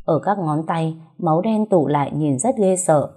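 A woman with a low, mellow voice tells a dramatic story. Her delivery is calm and measured, with a slightly husky edge. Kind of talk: scripted story narration.

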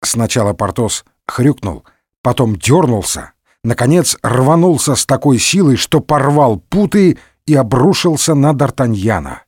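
A man narrating a comic story in an expressive, ironic storybook manner. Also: medium pitch, unhurried, breathy edge, no echo, clean studio sound.

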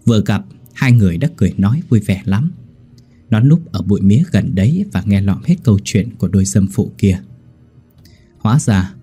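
A man narrating a horror story in a steady, grim manner. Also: on the low side, breathy edge.

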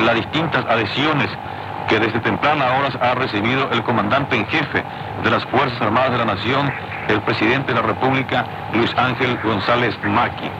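Un locutor de radio con acento paraguayo, leyendo una cronología noticiosa de forma pausada y ordenada, escuchado por una onda corta que se desvanece. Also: male voice, mid-range voice. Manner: measured, lists times and facts in order. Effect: fading, noisy shortwave radio reception. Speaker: radio news announcer. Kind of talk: reading a news chronology. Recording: hissy shortwave broadcast.

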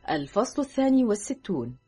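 A woman narrating an audiobook in a measured, steady storytelling manner. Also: medium pitch, slightly rough, soft background music.

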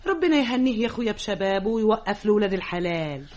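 Lady doing a chatty egyptian mom, fast and singsong, husky, old radio play. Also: medium pitch, expressive, a little mellow, highs cut off, natural voice. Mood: pleading. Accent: Egyptian Arabic. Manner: chattering, pleading. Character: fussy soothing middle-aged mother. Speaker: mother. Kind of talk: radio drama acting.

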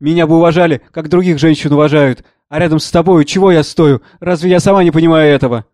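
A man's voice: fairly high pitch, steady tone, fast, a little mellow, no room sound, clean studio sound, natural voice. A man voicing a tearful, resentful middle-aged wife and mother who pleads and accuses. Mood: distraught.

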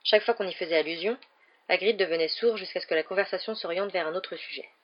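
A woman narrating a children's novel aloud in a steady, measured storytelling voice, with a dull lo-fi sound. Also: on the low side. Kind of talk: audiobook narration.

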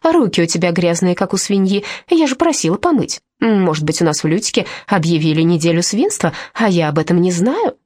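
A woman's voice: fairly low pitch, sing-song, a little fast, hardly any pauses, a little mellow, dry recording, clean studio sound. A woman voicing a bossy, nervous orphanage matron who barks and scolds in an audiobook. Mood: scolding. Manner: barking, scolding.

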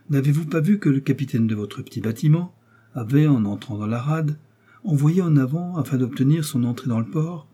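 A man's voice: medium pitch, dark tone, husky, lightly acted. A man reading a coolly mocking English lord. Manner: sardonic, coolly menacing. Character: cold, mocking English lord, middle-aged.

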